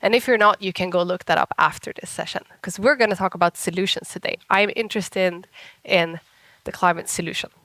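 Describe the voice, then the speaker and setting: A woman with a Swedish accent gives an informal conference talk in a husky whiskey voice roughened by a cold, chatty and self-deprecating. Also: on the low side, fairly even intonation, brisk, fairly bright tone, no echo, rough recording. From Sweden. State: sick with a cold. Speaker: conference speaker, software engineer.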